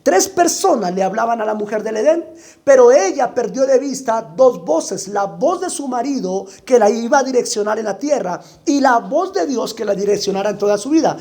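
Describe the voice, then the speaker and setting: A preacher delivering a sermon, building emphasis through repeated phrases and chains of rhetorical questions. The voice sits at a middle pitch. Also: mellow.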